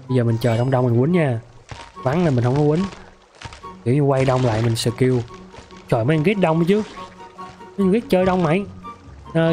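A hoarse young man with a sore throat, excitedly commenting on a mobile game he is playing, yelping and repeating words. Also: fairly high pitch. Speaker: gaming streamer.

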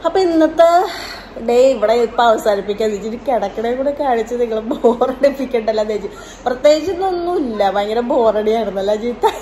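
A woman's voice: on the high side, expressive, fast talker, mellow, a little hiss or hum, low-quality recording. A woman with a Malayali accent chatting casually in a home vlog, coaxing a sleepy crying child in a sing-song way. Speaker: vlogger. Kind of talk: casual family vlog chat. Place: home in rainy evening.

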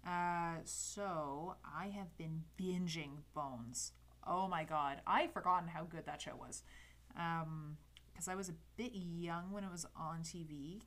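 Taking it slowly, a woman with a lowish voice and fairly bright tone teaches a calligraphy livestream in a casual chat. She's in her thirties with a Canadian accent, rambling and cutting in on herself to correct things, with light laughs. She uses a headset at her home desk studio indoors.

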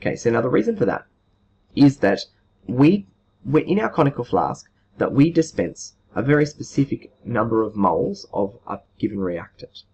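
A chemistry teacher and video host in his thirties gives an informal, unscripted lesson, explaining things step by step. His medium-pitched, slightly mellow voice moves at a moderate pace with big pitch swings. The recording is muffled, with clear background noise.

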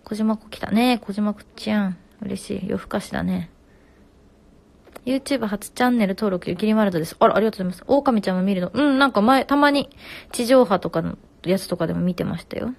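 A woman in her twenties hosts a casual live stream from home on her phone, reading viewers' comments aloud and answering them quickly. Her voice is mid-range and creaky.

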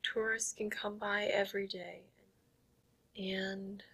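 A woman playing a stage hypnotist who calls herself a zombie queen, giving soft whispered commands in an ASMR hypnosis roleplay. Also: mid-range voice, little pitch movement, takes it slowly, breathy edge, full character voice. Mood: playful.

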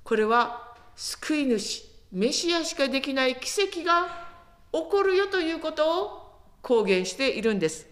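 A woman preaching a sermon in an animated storytelling manner, acting out quotes as she goes. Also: high-pitched, unhurried. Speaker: pastor.

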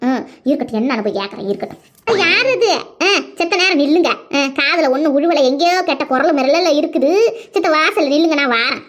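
A woman voicing a grumbling woman who plays the older sister in a cartoon. She speaks with a quick, scolding chatter. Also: sits high, expressive, fairly bright tone. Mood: resentful. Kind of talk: animated cartoon voice acting.

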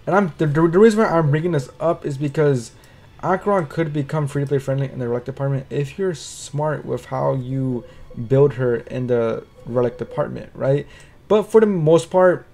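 A man at an ordinary middle pitch talks through a video game in a loose, off-the-cuff way. He stammers over words as he thinks, swears casually, and keeps checking in with his listeners. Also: normal speed, creaky, dark tone. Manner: rambling, stuttering restarts, casual swearing, frequent "right?". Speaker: game commentary creator. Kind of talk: casual gaming commentary.

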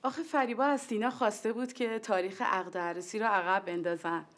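A woman's voice: mid-range voice, fairly even intonation, lightly acted. A woman playing a polite visitor who hesitantly brings news. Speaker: visiting guest. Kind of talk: TV sitcom acting.

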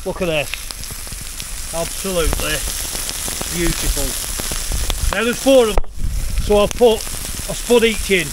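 At night on a sea breakwater, a man with a high, lively voice hosts a casual fishing vlog, joking with viewers in playful slang at a slow pace with frequent pauses. The waterside recording is noisy.

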